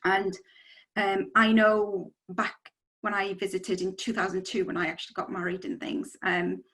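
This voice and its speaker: A woman's voice: mid-range voice, little pitch movement, normal speed, a bit bright, poor audio. A middle-aged woman from Bangladesh, a city councillor, speaking on a video call panel in a rambling way full of ums and you-knows. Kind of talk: panel discussion.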